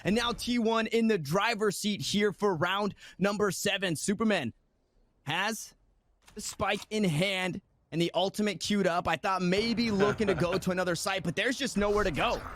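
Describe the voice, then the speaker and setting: A man's voice: high voice, normal speed, fairly bright tone, no echo. A man working as an esports caster, giving running play-by-play commentary in clipped phrases.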